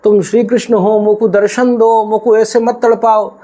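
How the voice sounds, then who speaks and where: A man's voice: high voice, level tone, moderate pace, dark tone, voice pushed up, natural voice. A man voicing a weeping old holy man who begs tearfully for a vision of his lord. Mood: imploring. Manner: tearful, imploring.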